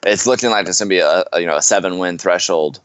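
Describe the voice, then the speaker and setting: Low-voiced, measured podcast man. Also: a bit bright, smooth, no echo. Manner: measured and explanatory, with frequent "you know" fillers. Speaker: fantasy football podcast co-host. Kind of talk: casual podcast chat.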